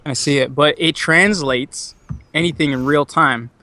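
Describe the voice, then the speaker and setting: A man in a casual podcast chat, eagerly pitching a topic and pushing his point again and again. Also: a little slow, sharp tone, faint music behind. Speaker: podcast co-host.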